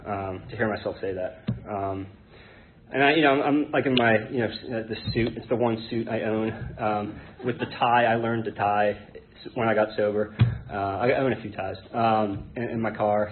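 A man in his thirties, American, gives a halting, informal personal testimony as a guest speaker at an Alcoholics Anonymous meeting, his voice sitting on the low side. Born in Hong Kong to an English identity and raised in Connecticut, he rambles hesitantly. The audio has a tinny, phone-like band and a noisy background.

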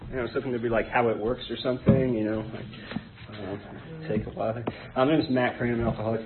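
A guest speaker at an Alcoholics Anonymous meeting, an American man in his thirties born in Hong Kong to an English identity and raised in Connecticut, gives a personal testimony informally, hesitant, halting and rambling. His voice is medium-pitched. The audio is tinny and phone-like with a noisy background.

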